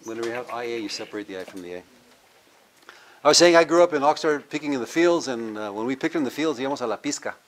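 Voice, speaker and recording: A man's voice: medium pitch, lively intonation, fast talker, slight background noise. An older man from California, a university professor giving a lecture, drilling word pronunciations and quizzing his audience. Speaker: university professor teaching Nahuatl. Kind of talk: classroom lecture with audience questions. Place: cultural center lecture room.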